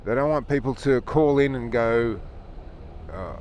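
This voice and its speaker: A man in a motorcycle helmet, riding outdoors, delivers a loose, opinionated motovlog rant, chuckling and keeping it conversational. He has a mid-range, slightly mellow voice and a measured pace. The recording from inside the helmet carries engine and traffic noise.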